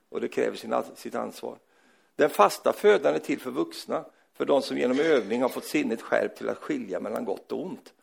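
A man preaching a sermon, animated, asking "va?" after his points and swinging from loud exclaims to quiet scripture reading. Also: medium pitch, creaky, breathy edge. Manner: tag questions "va?" after points.

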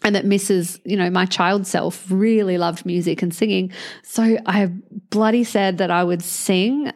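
A woman speaks to her listeners like a coach. Her talk is earnest and frank, and a curse word slips in now and then. Her voice sits at an everyday middle pitch for a woman. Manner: earnest, candid, swears casually. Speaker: mindset coach. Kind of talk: motivational podcast monologue.

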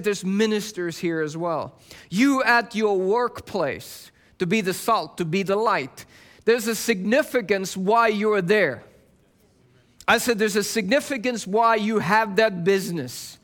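Man, pastor, fervent sermon, high voice, emphatic preaching. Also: a bit bright.

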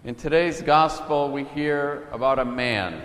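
A middle-aged man, a priest, reading the gospel and giving a calm storytelling sermon. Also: on the high side, a little slow. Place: church. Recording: echoey church from a distance.

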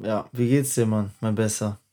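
A young man co-hosting a casual podcast, relaxed and slangy, often searching for the right word. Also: fairly low pitch, moderate pace. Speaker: podcast co-host.

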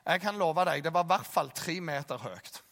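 Brief: Jæren man preaching, high voice, long hall reverb, lively storyteller. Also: creaky. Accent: Jæren Norwegian. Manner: animated, acts out voices and shouts in stories. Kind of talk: sermon with storytelling.

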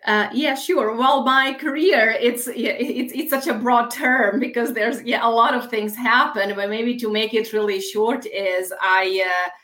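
A woman's voice: on the high side, steady tone, measured pace, few pauses, a bit bright. A woman in her thirties from Bosnia, a career coach answering interview questions in a friendly way with hesitant restarts.

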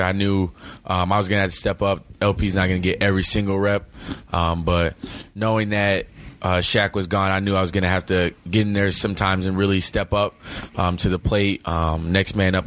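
A young college football player speaks in a very deep voice. He answers haltingly, with many fillers and restarts, as he talks through a game in an interview. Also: a bit bright, dry recording. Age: young adult. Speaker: college football running back.

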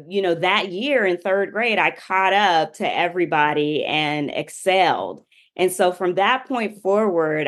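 Woman guest, lowish voice, chatty storyteller, casual interview. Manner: chatty, many fillers like "you know".

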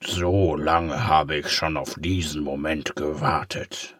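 A man voicing a sly, sinister ink-eraser pen in a dark, scratchy, slow whisper for a storybook. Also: rumbling low, steady tone, no echo, studio quality, pitched below the performer's own voice, heavily acted. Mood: creeping. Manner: slow, creeping, hissing.

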